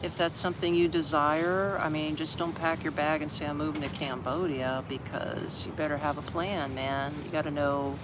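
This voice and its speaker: In a steady mid-range voice at normal speed, with hardly any pauses, an older Floridian from Orlando chats casually on his livestream, rambling and reading viewer comments. He's outdoors in a city park's open shed amid street traffic noise.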